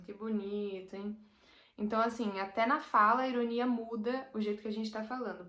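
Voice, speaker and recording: A woman with a Brazilian Portuguese accent, teaching a casual language lesson and patiently explaining with everyday examples. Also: fairly high pitch. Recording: roomy echo.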